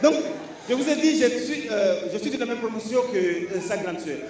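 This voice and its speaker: A man with a high, expressive, slightly mellow voice does punchy stand-up comedy at normal speed, spinning animated stories and hammering phrases through repetition. He's live on stage in front of an audience, captured by a distant stage mic in an echoey hall amid crowd noise.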